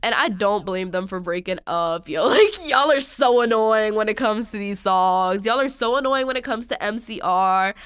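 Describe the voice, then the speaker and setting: A woman's voice: mid-range voice, animated, moderate pace, few pauses, a bit bright, smooth, no room sound. A young adult woman hosting a podcast, ranting in a casual, exasperated way with lots of slang and repetition. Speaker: podcast host.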